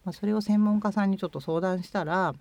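Talking fast in a mid-range, slightly mellow voice, a fifty-something woman from Chiba, Japan answers interview questions with hesitation, care, and plenty of fillers. She's a guest and former overseas volunteer, and the recording has no room sound.

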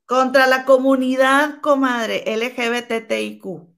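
A woman's voice: high voice, fairly even intonation, a little slow, vocal fry, a bit bright. A woman co-hosting a gossip show, chatting casually and reading a document aloud, calling her partner comadre.

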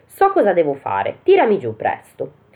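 Picture a thumb-sized, cheeky little boy in a storybook, piping high above the storyteller's own low voice as a woman puts him on. He taunts and bellows with far more force than his size allows. The sound comes through a tinny, phone-like line. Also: wildly swooping pitch, normal speed. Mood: cocky. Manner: mocking, loud and cocky. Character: tiny cheeky boy who shouts loudly.

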